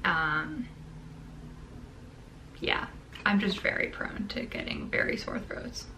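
In a small bedroom, a young adult vlogger chats to the camera between bites of ice cream. Her crackly voice sits on the low side, pushed and bright, and she speaks slowly but animatedly.

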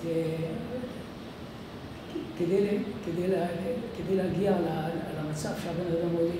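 A man's voice: fairly high pitch, fairly even intonation. Student guy explaining, keeps restarting, far off mic in a roomy hall. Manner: hesitant, restarts often. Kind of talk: casual explanation in class. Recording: echoey hall, distant mic, noise.

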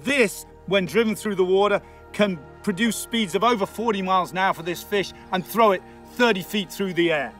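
An older man with a high-pitched voice presents a nature documentary outdoors, explaining as he goes. Faint music sits behind him. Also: normal speed, fairly bright tone. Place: outdoors on grass by the sea.

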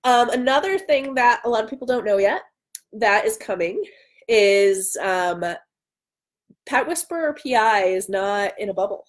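Speaking unhurriedly in an expressive, rather high voice, a thirtysomething woman answers viewers on a casual livestream. She's enthusiastic and pokes fun at herself, sitting indoors at home near a window.

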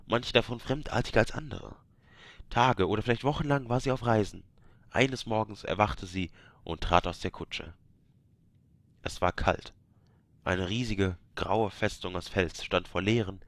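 A man reads a fantasy game book aloud in a low voice. He breaks off now and then to joke with his listeners. The recording is dry and close. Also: no room sound. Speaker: reader of game books. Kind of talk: reading aloud with joking asides.

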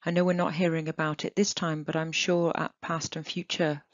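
A female archaeologist gives an illustrated keynote lecture over slides, speaking into a computer mic on a video call. Her low voice moves little in pitch, and her delivery is enthusiastic yet measured, with occasional "um" and restarts. The recording sounds dull and dry.

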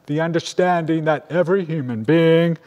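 An older man, a rabbi, giving a measured, grave sermon at a lectern microphone in a large synagogue sanctuary. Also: on the high side, darkish tone. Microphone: lectern microphone on a stand. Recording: long reverb of a large hall.

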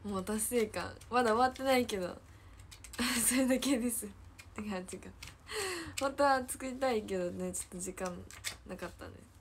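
A teenage girl with a Kansai accent chats on a livestream in a fairly high voice, giggling as she reads viewer comments aloud. She repeats her own phrases in a chatty, playful way. A faint hiss sits under her voice. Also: moderate pace, pauses often. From Hyogo, Japan. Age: teens. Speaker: idol trainee livestreamer. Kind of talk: casual livestream chat reading viewer comments.

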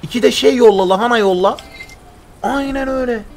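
A man's voice: very high-pitched, brisk. A young man giving live commentary over a survival game, chatting with himself and thanking viewers in chat. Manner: chatty, talks to himself and reads chat aloud. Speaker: gaming streamer.

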